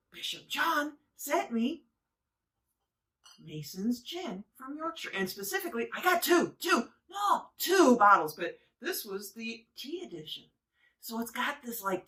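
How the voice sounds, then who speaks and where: On her own cocktail show, a woman from the U.S. Midwest talks through mixing drinks in a chatty, rambling way, dropping in fillers and asides often. Her voice is a little high, bright, and forceful, and it comes across a bit distant from the mic.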